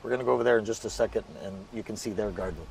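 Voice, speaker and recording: A man with a gravelly, fry-edged voice rambles casually to the camera with plenty of fillers and restarts. He stands back from the microphone outdoors, with faint ambient noise behind him. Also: fairly low pitch, steady tone, racing, distant mic. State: out of breath. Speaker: gardening video host. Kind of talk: casual vlog talk to camera. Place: outdoors in a garden.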